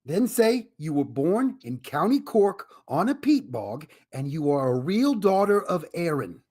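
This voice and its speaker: A wisecracking con man, voiced by a woman, in a radio comedy. The voice is pitched low and husky, with an animated, bouncing delivery. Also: heavily acted. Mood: scheming. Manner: smooth, fast-talking, slangy. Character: fast-talking wisecracking man, Al. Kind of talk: amateur radio drama reading.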